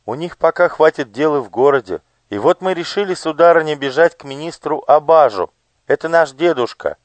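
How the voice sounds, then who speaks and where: A man's voice: fairly high pitch, animated, a little fast, dry recording, voice pushed up, close to an everyday voice. A man voicing a timid, hungry little girl who pleads and chatters eagerly. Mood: explaining politely.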